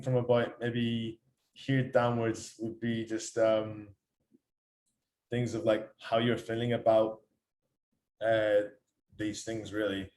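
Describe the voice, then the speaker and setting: A young man with an Irish accent giving a casual, chatty workshop talk, rushing along with lots of ums and restarts. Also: lowish voice, a little mellow, roomy sound, slight background noise. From Ireland. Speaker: workshop speaker. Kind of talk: casual presentation on a video call.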